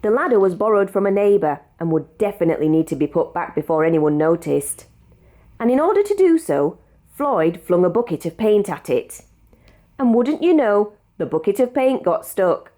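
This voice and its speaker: A British woman reads a children's picture book aloud, her mid-range voice expressive and measured as she narrates the story.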